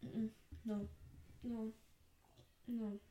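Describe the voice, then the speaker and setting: A young woman hosting a podcast delivers a heated, profane, rambling rant as a casual monologue, dropping into hissed whispers on the insults. Her voice is high and dark-toned, very slow, with little pitch movement.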